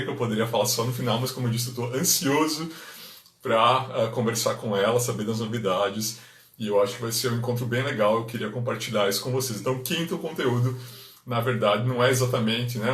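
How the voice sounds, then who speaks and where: A man from Brazil, hosting a live online English lesson, drilling words slowly and chatting with viewers. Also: medium pitch, fairly bright tone, recorded from a distance. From Concórdia, western Santa Catarina, Brazil. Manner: slow deliberate pronunciation drills, chatty asides to viewers. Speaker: English teacher hosting a livestream. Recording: echoey room, voice from away from the mic.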